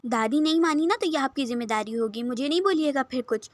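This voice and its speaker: A woman's voice: high voice, lively intonation. Woman doing a whiny, stubborn young woman. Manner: whining, refusing.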